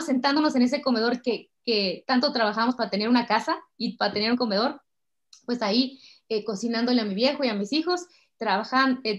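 A middle-aged Mexican woman, a singer, chatting warmly and emotionally in an interview. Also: fairly high pitch. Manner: warm, chatty, emotional storytelling. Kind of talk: casual interview chat. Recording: slightly dull lo-fi sound.

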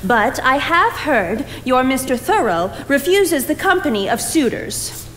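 A woman's voice: high-pitched, sing-song, unhurried, fairly bright tone, heavily acted. A young woman playing a prim, indignant, gossipy small-town busybody in a stage play. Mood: prying, indignant. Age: young adult. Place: indoor theatre stage. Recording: echoey theatre stage, noisy, distant mic.

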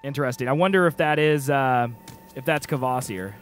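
A man's voice: medium pitch, moderate pace. A man in his thirties giving casual live commentary as he streams a video game, close on the mic. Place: small room indoors. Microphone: close microphone on a stand.

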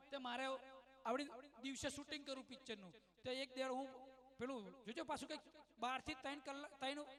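High, bright-voiced Gujarati comedian. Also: male voice. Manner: animated, acts out quoted voices. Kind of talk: stand-up storytelling.

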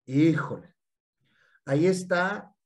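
An animated man with a Mexican accent talks through his ideas in a relaxed, explanatory way. His voice sits a little high for a man, and he keeps stringing points together. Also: slow. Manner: animated, repeats "y entonces". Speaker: guest speaker. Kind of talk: casual explanatory talk.

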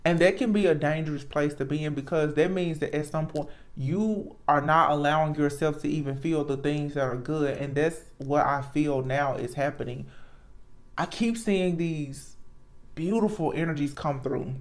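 At a middling pitch, a tarot reader who hosts her own channel talks in a casual, reflective way. She's earnest and emphatic, and her phrases halt and repeat as she works through her thoughts out loud.

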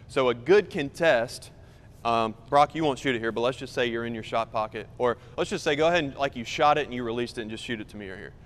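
A man's voice: medium pitch, fairly bright tone, smooth. A young man coaching basketball on court, explaining step by step and directing players by name. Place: large indoor gym. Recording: reverberant gym.

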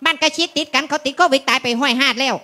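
A woman's voice: high-pitched, fairly even intonation, rapid-fire, bright, forceful tone. A woman voicing a scheming, bossy young wife with an Isan accent, nagging and pushy in a comic sermon drama. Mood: complaining.

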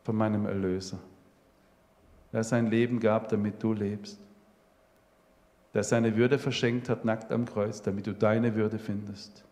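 A man's voice: fairly low pitch, little pitch movement, unhurried, long pauses. Man preaching in a reverberant hall. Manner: emotional storytelling, drops to a soft hush. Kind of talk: sermon testimony. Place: church hall.

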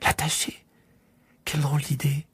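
A man voicing a gentle, curious little boy prince in a storybook reading, softly and often half-whispered. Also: medium pitch, normal speed, creaky, breathy edge, dry recording, pitched above the performer's own voice. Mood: soft wondering.

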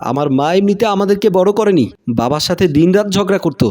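A young husband who lectures his wife sternly, read by a man in his fairly high voice. It is a plain storybook reading. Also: a little fast, a little mellow, natural voice. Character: young husband, short-tempered.

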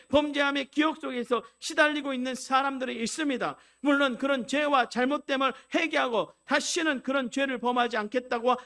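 High-voiced Korean pastor preaching. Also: male voice. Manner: swings from loud preaching to quiet storytelling; exhorting, repeatedly addresses the congregation. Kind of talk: Sunday sermon.

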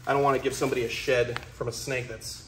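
A man's voice: mid-range voice, flat delivery, quick pace, a bit bright, slight background noise. A young man hosting a casual wildlife vlog with playful, enthusiastic energy. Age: young adult. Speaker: wildlife host, snake keeper. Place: indoor concrete-floored reptile room. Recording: echoey hard-floored room.

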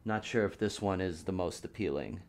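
A man's voice: low-pitched, moderate pace, a little mellow, slight background noise. A man, speaking in a conversational audition style with exaggerated, incredulous emphasis. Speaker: actor auditioning for a commercial. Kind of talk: audition monologue and improvised product pitch, conversational. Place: indoor studio with a green screen.

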